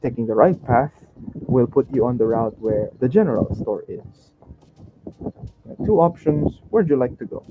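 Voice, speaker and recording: A man's voice: mid-range voice, animated, moderate pace. A man running a tabletop game as game master, laid-back, laughing often and fumbling through his notes. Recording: dull lo-fi sound with faint noise.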